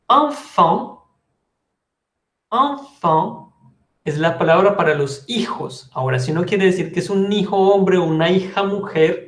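High-voiced man teaching French patiently. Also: echoey room. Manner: explains patiently, repeats and spells words. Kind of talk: online language class.

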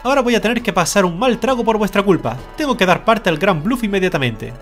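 A streamer from Spain putting on a pompous male parrot in a game, strict and fussy, scolding, lively sing-song delivery, soft music behind. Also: medium pitch, fast talker, pitched above the performer's own voice, lightly acted. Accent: Spain Spanish. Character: bossy pompous male parrot guildmaster's aide.

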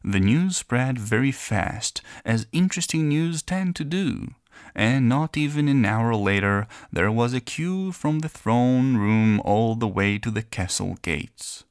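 Give me a man telling a bedtime fairy tale, unhurried and expressive, with a dry, close sound. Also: mid-range voice, clear, resonant tone, dry recording. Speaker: narrator. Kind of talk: storybook reading.

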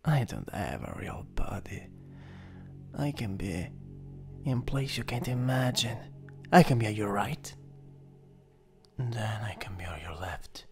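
A man voicing a sadistic, possessive incubus demon in an ASMR role-play, taunting and menacing, with a breathy, gravelly delivery. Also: fairly low pitch, expressive, faint music behind. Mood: playful, sinister. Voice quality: breathy soft voice with gravelly creak. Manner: slow, menacing, mocking incubus teasing.

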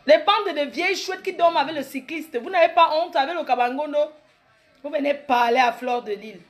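A woman's voice: high voice, brisk, faint music behind. A woman in her late thirties with a Cameroonian French accent, doing a brash, boastful comedy monologue that mocks her critics. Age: 30s. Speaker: comedic vlogger.

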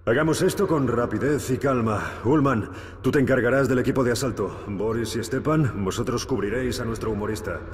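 An actor plays a stern middle-aged colonel, barking clipped, authoritative orders to his squad in a commanding mood. His mid-range voice is brisk and close to an everyday voice. The game audio is echoey, distant and mixed with music.

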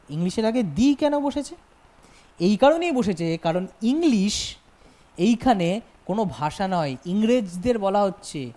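Lady teacher going over grammar, warm low-key tone, keeps asking ok? and repeating stuff. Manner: repeats points and quizzes the listener with quick questions. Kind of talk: exam-prep grammar lecture.

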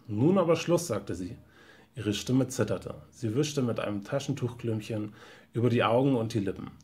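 A man, a trainee teacher, reading a short story aloud in a steady, even narration. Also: fairly low pitch, moderate pace, slightly rough.

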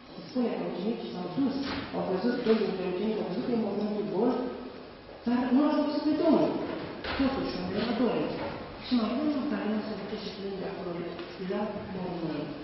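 Priest teaching catechism in an echoey hall. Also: male voice, high voice, noisy background. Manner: conversational teaching with strong emphasis. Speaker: parish priest. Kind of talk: catechism lesson. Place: parish hall or church. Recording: far, echoey, dull room recording.

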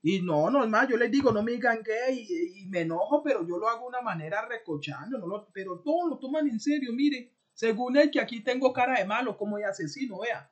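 A man, reacting defensively on his own stream, repeating the other streamer's name and flaring up loudly at times. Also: extremely high pitch, animated, fairly quick, few pauses. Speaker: streamer reacting to a video about himself. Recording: dull lo-fi stream audio.

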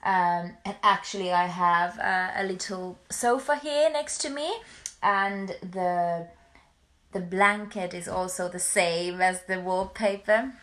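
A woman's voice: on the low side, slow, fairly bright tone. A young adult woman from Finland chatting casually on a livestream, hesitant and often repeating her words as she goes. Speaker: musical performer livestreaming to followers. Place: small bedroom at home, indoors. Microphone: phone or webcam at arm's length.

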